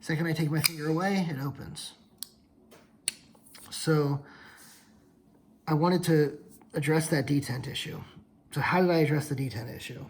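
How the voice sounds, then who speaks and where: A man's voice: a little high, fairly even intonation, normal speed, long pauses, a little mellow, breathy edge, rough recording. A tired man yawning late at night, casually demonstrating knives on his channel and often correcting himself as he rambles. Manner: rambling, self-correcting explanations. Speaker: knife channel host. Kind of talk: casual hands-on demo vlog.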